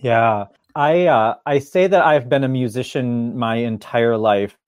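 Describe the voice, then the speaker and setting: Man, middle-aged, from Michigan, relaxed storyteller, laughs a lot, mid-range voice, dry close sound. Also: mid-range voice, unhurried, clear, resonant tone, dry recording. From Michigan, USA. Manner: chatty, laughs often, acts out quoted voices. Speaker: guest, therapist and musician. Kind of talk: casual storytelling interview.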